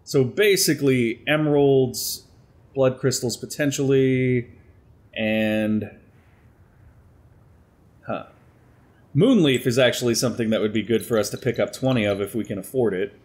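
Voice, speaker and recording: In an unhurried, darkish mid-range voice with long pauses, a young man commentates a strategy game let's play. Slightly congested from allergies and using a headset mic, he keeps up a chatty flow, thinking aloud as he plans moves.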